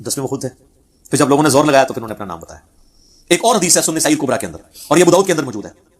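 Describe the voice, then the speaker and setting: A man's voice: medium pitch, husky. A man giving a religious lecture on hadith, telling the stories vividly and acting out the quoted speech. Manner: animated storyteller who acts out quoted speech. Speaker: Islamic preacher.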